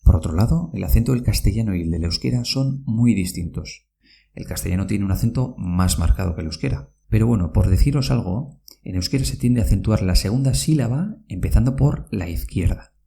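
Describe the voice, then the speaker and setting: A man teaches pronunciation in a podcast, talking slowly and carefully. He spells words out letter by letter and repeats each example. His voice is dark and mellow, with a gravelly rasp. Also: fairly low pitch, animated. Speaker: Basque language teacher.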